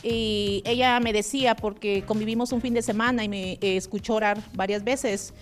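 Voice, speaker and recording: A woman's voice: mid-range voice, fairly even intonation, normal speed, faint music behind. Woman recounting a story on radio. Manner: recounting a conversation, quoting back and forth. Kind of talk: telling a personal story on radio.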